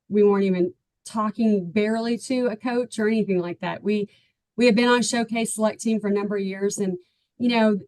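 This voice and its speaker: A middle-aged Texan woman, the parent of a baseball player appearing as a client guest, tells her story in a chatty, earnest interview full of ums and "right?". Her medium-pitched voice is a little mellow, and the recording is dry and poor.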